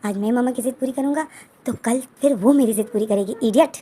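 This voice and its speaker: A cool, teasing young groom, as a woman reads him out in her own high, mellow voice. He brushes off worries calmly and jokes lightly. It is a storybook telling, not a full put-on voice. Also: fast, breathy edge.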